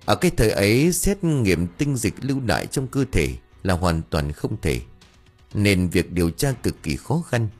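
A man narrating a dark folk tale in an expressive, dramatic way. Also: lowish voice, moderate pace. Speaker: storyteller. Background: faint music.

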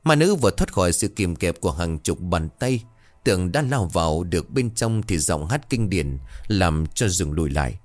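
Deep-voiced male ghost story narrator. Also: normal speed. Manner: dramatic, expressive.

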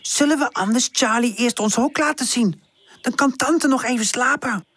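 A woman's voice: fairly high pitch, moderate pace, a bit bright, no echo, pitched above the performer's own voice. A woman voicing a bossy little girl dog. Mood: fussing. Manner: scolding, exasperated. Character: bossy tidy young female dog. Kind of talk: audiobook character voice.

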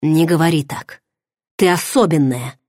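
A man's voice: on the high side, a little slow, darkish tone, dry recording, studio quality. A woman reading the part of a self-assured noble man who speaks tensely and insistently, in an audiobook. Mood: pleading.

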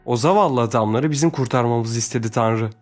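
A man's voice: mid-range voice, a little fast, faint music behind, lightly acted. A man voicing a kind, determined noble lady in an audiobook, speaking earnestly and persuasively.

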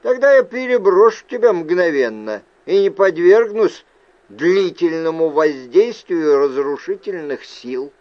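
A man's voice: high voice, big pitch swings, unhurried, highs cut off. A man reading the part of a wary male ghost who speaks curtly and impatiently in an audiobook.

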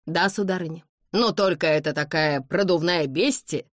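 A woman's voice: lowish voice, normal speed, no room sound, clean studio sound, close to an everyday voice. A woman voicing a harried, servile male footman who reports nervously and apologetically in an audiobook. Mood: reporting.

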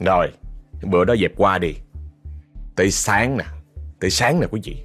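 Faint music plays behind this low-pitched, fairly bright male voice, which moves at a moderate pace. He speaks with a Southern Vietnamese accent, chattily narrating a horror tale and frequently turning to address his audience directly.

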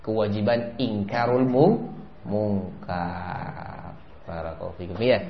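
A man's voice: fairly low pitch, steady tone, takes it slowly, vocal fry, a little hiss or hum. A man giving a sermon lecture, repeating a set phrase often and rising sharply for emphasis. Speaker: Islamic preacher. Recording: echoey, dull lo-fi lecture recording.

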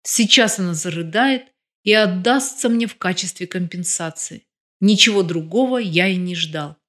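A woman's voice: lowish voice, moderate pace, fairly bright tone, natural voice. A woman reading an audiobook, voicing a confident husband who is mocking and flirtatious. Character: confident husband, smug and teasing.

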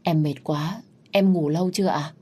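A woman reading the part of an exhausted young mother, speaking wearily and tearfully in a low voice. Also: moderate pace, darkish tone, slightly rough. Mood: weary. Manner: tearful, weary.

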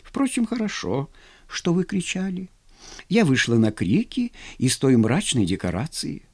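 A man's voice: fairly high pitch, sing-song, measured pace, darkish tone, husky, exaggerated voice. A man reading a story, voicing a young married woman who mocks her suitor in a languid, teasing way. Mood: coolly mocking. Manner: languid, mocking.

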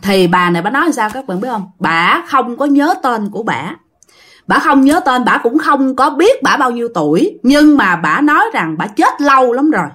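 A woman with a Southern Vietnamese accent telling a ghost story in a casual, animated way, talking straight to her listeners. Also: a little high, normal speed.

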